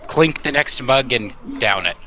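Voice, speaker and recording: A man with a bright, lively voice plays a tabletop roleplaying game. He takes his time, casually saying what his character does, with plenty of movement in his pitch. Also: measured pace. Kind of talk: casual in-game action description.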